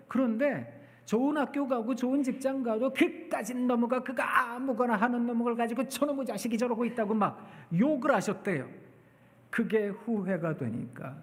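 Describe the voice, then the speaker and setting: A man preaching a storytelling sermon at a church, acting out the people in his stories with lively exclamations. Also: high-pitched. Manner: animated, acts out quotes with exclamations. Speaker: guest preacher, professor. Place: church sanctuary. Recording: long church hall reverb.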